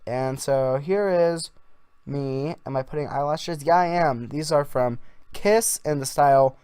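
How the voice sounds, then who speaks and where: A man's voice: on the high side, unhurried, a little mellow, clear, resonant tone, no echo. A man doing a casual improvised voiceover as a makeup vlogger, rambling in an offhand, jokey way.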